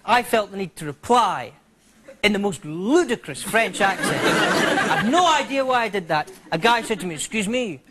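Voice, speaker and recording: A man's voice: high voice, lively intonation, normal speed, noisy background. A Scottish man doing a playful, rambling stand-up routine on a TV studio stage. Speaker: stand-up comedian. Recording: live studio with audience laughter.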